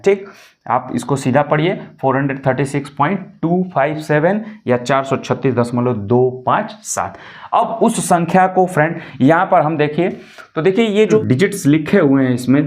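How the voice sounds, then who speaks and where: Male teacher, somewhat high voice, patient step-by-step lesson delivery. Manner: patient, repeats points, frequent "ठीक" check-ins. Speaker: maths teacher. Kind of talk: classroom lesson explaining decimals.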